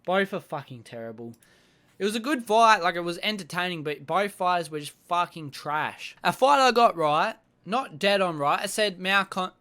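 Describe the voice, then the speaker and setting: A man's voice: high voice, bright, forceful tone, clear, resonant tone. A man recapping fight-night bouts in casual chat, blunt and swearing constantly as he rants at the fighters. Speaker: MMA recap host.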